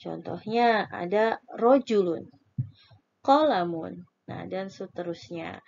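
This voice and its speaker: Woman, Indonesian accent, unhurried dictating teacher, drawn-out syllables, dull lo-fi audio. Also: on the low side, lively intonation, creaky, darkish tone. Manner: draws out example words syllable by syllable. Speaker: Arabic spelling and dictation teacher. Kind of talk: instructional lesson, slowly dictating example words.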